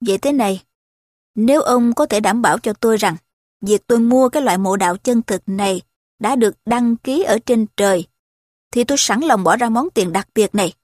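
A woman reading the part of a wealthy young gentleman who teases with dry irony in a spoken story. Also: fairly high pitch, brisk, no room sound, close to an everyday voice. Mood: mocking.

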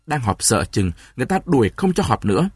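A man voicing a frightened, tearful peasant wife who speaks in a trembling hush, in a storybook reading. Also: medium pitch, big pitch swings, fast talker, husky, no room sound. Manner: trembling, hushed pleading.

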